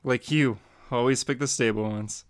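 A man voicing Robin, a sarcastic teenage male sidekick with deadpan wisecracks, in a dramatic comic reading. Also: mid-range voice, normal speed, smooth, natural voice.

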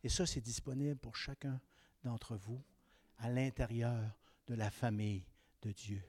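Swinging from loud exhortation to hushed, confiding asides, a Québécois French-accented preacher in his fifties delivers a sermon. He has a steady, medium-pitched voice, speaks a little slowly, and there's no echo.

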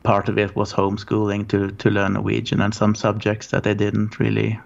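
Man from Norway, 40s, gravelly, flat low delivery, rambling guest on a dull call line. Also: normal speed. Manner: relaxed, rambling storytelling. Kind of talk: casual interview.

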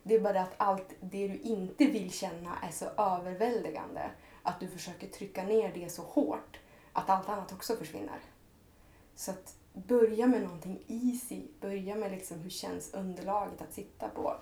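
A woman's voice: mid-range voice, dark tone, reverberant. A woman talking as a podcast guest in a reflective, earnest way, her thoughts running on in long heartfelt sentences. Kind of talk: reflective personal conversation.

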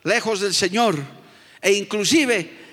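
A man's voice: sits high, slow, fairly bright tone. A male pastor with a Bolivian Spanish accent preaching a fervent sermon, calling out to the congregation as brother. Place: church hall. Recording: long hall reverb.

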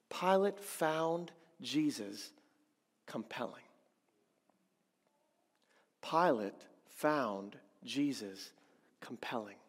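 A man, a church elder, preaching a sermon emphatically, repeating phrases and asking the congregation questions. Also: on the high side. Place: church sanctuary. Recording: long reverb of a church hall.

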